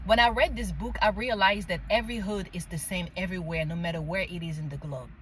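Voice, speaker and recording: A spiritual vlogger from France and Mali, speaking with a French accent, tells a personal story casually and emphatically, often checking in with the listener. Her voice is fairly low and steady, her pace quick, with slight background noise.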